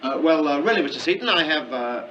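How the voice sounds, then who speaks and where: An actor playing an easygoing, good-humored young suitor of modest means in a 1930s film comedy, boyish and breezy. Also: male voice, on the high side, expressive, fast talker, a bit bright, a little hiss or hum. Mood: affable, amused. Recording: dull 1930s film soundtrack.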